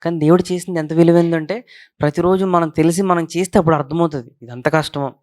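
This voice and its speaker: Higher-voiced pastor preaching conversationally. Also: male voice, fairly even intonation, quick pace, a little mellow, no echo, studio quality. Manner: keeps checking that listeners follow, repeats key points. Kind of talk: conversational sermon.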